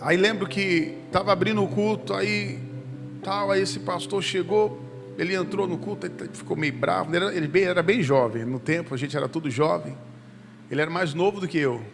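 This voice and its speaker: A man's voice: high-pitched, fairly quick, vocal fry. A male pastor telling a personal testimony to his congregation in a conversational sermon. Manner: conversational storytelling, addressing the congregation. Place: church sanctuary. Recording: church reverb with instrumental music.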